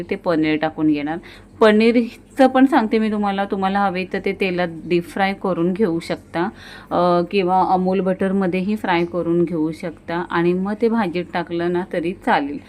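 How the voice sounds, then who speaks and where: A woman's voice: on the low side, darkish tone, slight background noise. A middle-aged woman, narrating a home cooking demonstration in a homely, chatty way that talks straight to viewers. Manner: homely, chatty, addresses viewers directly with frequent "ना". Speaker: home cooking channel host. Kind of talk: casual cooking demonstration voice-over.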